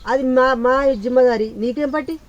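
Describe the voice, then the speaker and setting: A woman's voice: high voice, fairly quick, a little mellow, highs cut off. An older woman, lecturing and scolding as a grandmother in a family skit.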